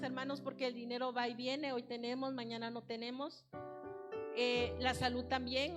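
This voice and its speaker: A woman with a Guatemalan Spanish accent preaching a sermon, earnest and exhorting, slowing down to stress her points. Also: sits high. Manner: earnest, exhorting, slows for emphasis. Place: church. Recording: church livestream with music behind. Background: instrumental music.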